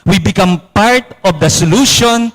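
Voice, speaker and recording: Filipino-accented priest preaching in a hall, high voice, lively retellings. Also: male voice, unhurried. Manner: animated, acts out quoted complaints in a higher voice. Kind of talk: sermon. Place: church or hall, in front of an audience. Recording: long reverb of a hall.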